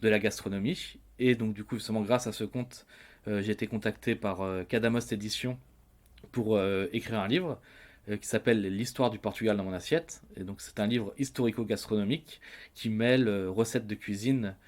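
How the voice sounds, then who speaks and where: A man's voice: fairly low pitch, fairly even intonation, normal speed, darkish tone. A man in his thirties from France, a podcast guest telling his family story in a casual, hesitant way with many filler sounds and restarts. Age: 30s.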